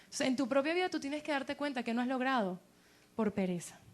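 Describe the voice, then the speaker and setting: A woman pastor preaches a sermon in a high voice. She talks in an animated way and drops her voice low when she acts out people's doubts. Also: a little fast.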